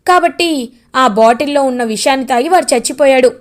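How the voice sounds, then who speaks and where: A woman's voice: high-pitched, brisk, natural voice. A woman voicing a frightened male henchman who confesses under threat in a retold TV serial. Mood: explaining. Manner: confessing in fear.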